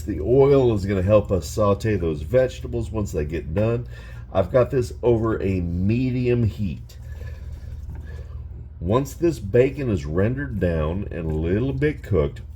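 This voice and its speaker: A cooking channel host runs a casual tutorial from his home kitchen, chatting straight to viewers and repeatedly calling them "guys." His voice is low-pitched and warm, with slight background noise.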